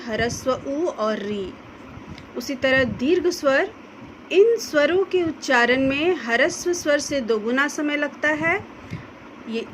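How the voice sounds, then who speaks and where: Slow, high-voiced woman teacher. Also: a little hiss or hum, poor audio. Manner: slow, deliberate, pronouncing each example sound carefully. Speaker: school Hindi teacher. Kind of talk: classroom lesson explaining grammar.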